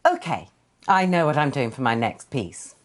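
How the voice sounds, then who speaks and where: A woman's voice: rumbling low, very animated, normal speed. An actress playing a theatrical middle-aged mother who hosts a music quiz, grand in manner and heard through a silly voice filter. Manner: grand and theatrical, sings tunes in "la la" syllables. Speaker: quiz host. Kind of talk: video game dialogue.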